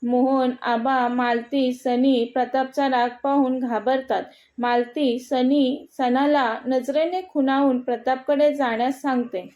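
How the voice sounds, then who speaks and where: A woman storyteller reading a romantic tale aloud. Her voice is high, and she keeps a steady narrating pace. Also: unhurried, few pauses.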